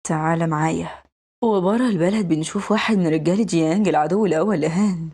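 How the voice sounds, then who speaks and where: Brisk, husky Egyptian woman narrator. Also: fairly low pitch, dark tone. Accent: Egyptian Arabic. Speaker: drama recap narrator. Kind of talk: fast drama recap narration.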